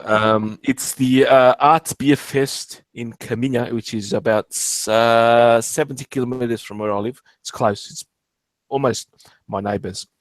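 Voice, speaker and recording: Man from Portugal, stream host, hesitant, lots of fillers, dry close sound, even middle pitch. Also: a little slow, dry recording. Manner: hesitant, many fillers and restarts. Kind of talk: casual online group chat.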